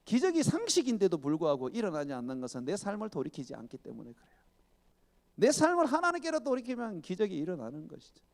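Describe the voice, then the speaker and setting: A male pastor preaches with a high, lively voice that swings widely as he fires off rhetorical questions and chuckles. His voice rings with the long reverb of a church sanctuary. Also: fast talker. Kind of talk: sermon.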